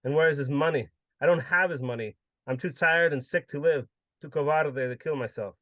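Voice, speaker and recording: A man's voice: on the high side, a little fast, bright, forceful tone, no room sound, voice pushed up. Man voicing a drunk desperate man, anguished pleading, dry close sound. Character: drunk, desperate man begging a priest for forgiveness.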